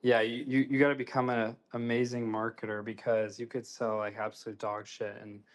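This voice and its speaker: Man in his twenties with a flat, even voice. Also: medium pitch, fairly quick. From Ohio, USA. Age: 20s. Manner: loose, slangy, repeats words as he goes. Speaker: host. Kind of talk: casual online group chat.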